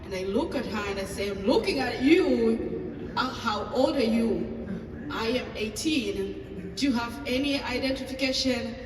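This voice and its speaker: A woman's voice: fairly high pitch, a little slow, a crowd in the background. Tanzanian woman telling a story in an echoey hall. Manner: storytelling, acting out dialogue with hesitant fillers. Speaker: pastor. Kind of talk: personal story at a table talk. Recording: echoey hall from far off, faint ambience.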